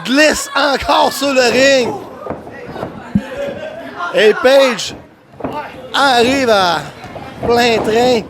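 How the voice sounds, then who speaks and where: A man giving live play-by-play as a wrestling commentator, excited and exclamatory, often shouting. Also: very high-pitched, very slow, long pauses. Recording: noisy crowded venue, loud crowd behind. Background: crowd and event noise.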